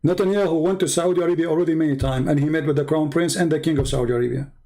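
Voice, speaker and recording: Sarcastic Middle Eastern-born debater, man, mocking and challenging tone, voice on the higher side. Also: rapid-fire, dark tone, poor audio. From Middle East. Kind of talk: polemical monologue.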